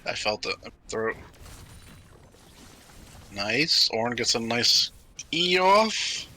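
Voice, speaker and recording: A man casting a video game match, talking through the action in brisk, analytical play-by-play with frequent fillers. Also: mid-range voice, sing-song, bright, forceful tone. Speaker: esports caster. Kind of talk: play-by-play commentary.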